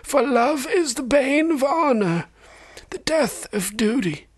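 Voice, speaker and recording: Ancient, wise fantasy maester: high, thin, breathy old voice, solemn, slow, sorrowful. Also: male voice, lively intonation, dry recording, exaggerated voice. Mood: solemn, probing. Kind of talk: audiobook-style character reading from a fantasy novel.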